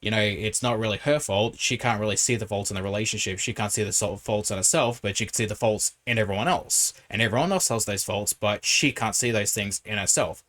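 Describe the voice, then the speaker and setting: Man, lowish pitch, casual reaction commentary, critical, explanatory. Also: brisk, few pauses, a bit bright. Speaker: reaction video host.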